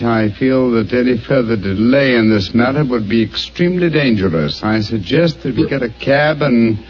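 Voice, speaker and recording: An actor playing Sherlock Holmes, a brilliant male detective, who explains his deductions in a precise, deliberate way, on an old radio recording. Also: medium pitch. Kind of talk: vintage radio acting. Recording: dull old radio recording, faint hiss.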